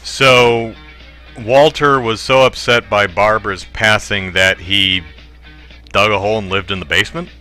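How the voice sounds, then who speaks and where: Let's play host, male, lowish voice with a sharp bright edge, wry running jokes. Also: fairly even intonation, unhurried, soft background music. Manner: wry, joking, reads viewer comments aloud. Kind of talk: casual gameplay commentary.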